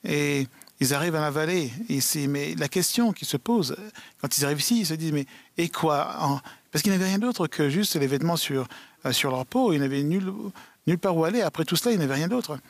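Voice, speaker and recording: Male speaker, gravelly and a touch high, halting live talk with many restarts. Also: lively intonation, no room sound. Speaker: conference speaker. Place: large event hall.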